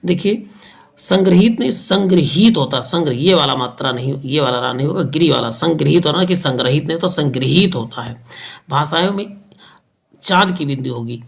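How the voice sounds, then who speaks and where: Gravelly energetic man teaching spelling. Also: fairly high pitch, moderate pace. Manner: energetic, emphatic, repeats points. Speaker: Hindi grammar teacher. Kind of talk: online exam-prep lesson.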